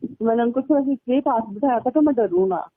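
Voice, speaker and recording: Over a telephone line, a woman tells personal stories in a casual chat, her fairly high voice moving fast. The recording is tinny and narrow, dry with no echo from the room.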